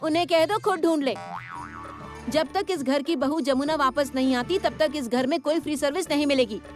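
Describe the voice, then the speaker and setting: A woman's voice: high-pitched, normal speed, over music, lightly acted. An actress playing a defiant wife who scolds and mocks her bossy husband in a TV serial. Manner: scolding, sarcastic. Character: defiant sharp-tongued wife standing up to husband. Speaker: wife of the household head.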